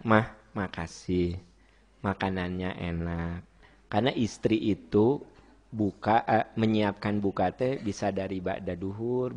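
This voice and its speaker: A middle-aged man preaching with a Sundanese accent, teasing his listeners and acting out little family scenes, then dropping to a soft gentle tone for advice. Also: on the low side. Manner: playful, teasing, acts out wife and husband in quoted voices. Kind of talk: lively sermon to a congregation.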